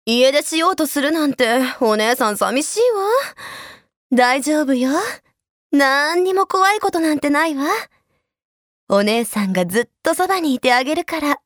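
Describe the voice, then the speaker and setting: A woman's voice: sits high, animated, moderate pace, dry recording, clean studio sound. A woman voicing a clingy, possessive older sister who speaks in a syrupy, unsettling way. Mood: creepy sweet. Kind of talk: voice acting demo reel.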